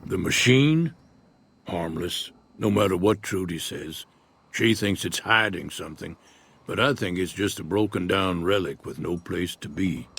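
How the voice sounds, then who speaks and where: An actor voicing a retired old male prospector in a video game, speaking in an unhurried folksy drawl. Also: low voice, creaky, fairly bright tone, husky, heavily acted. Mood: easygoing. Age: older. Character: weathered old male prospector, laid-back and wary. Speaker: retired prospector in a frontier town.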